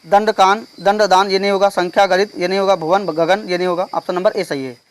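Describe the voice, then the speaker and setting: A male teacher solving an exam paper step by step. He reads each question slowly and keeps checking in with the class. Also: high-pitched, steady tone. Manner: explains step by step, reads questions slowly, repeats "theek hai". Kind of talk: exam paper walkthrough lesson.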